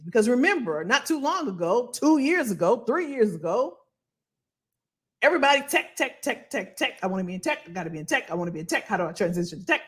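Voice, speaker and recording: A woman hosting a casual livestream as a financial coach, animated and colloquial, repeating phrases for emphasis. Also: mid-range voice. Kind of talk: casual livestream talk to viewers.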